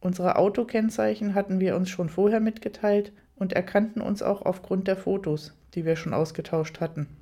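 A woman reads a first-person story aloud at an even, steady storytelling pace. Her voice is mellow and warm, with light, amused touches. She sits at a mid pitch for a woman. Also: normal speed, hardly any pauses. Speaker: narrator. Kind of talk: first-person audiobook narration.

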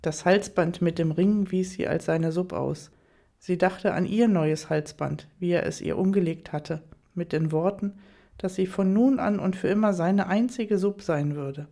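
Woman narrating a story, low and mellow. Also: a little slow, vocal fry.

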